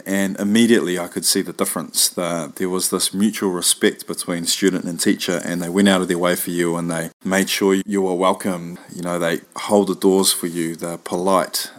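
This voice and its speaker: A middle-aged man from New Zealand with a New Zealand accent, a PE teacher answering interview questions in a relaxed, rambling way. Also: deep voice. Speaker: guest, PE teacher.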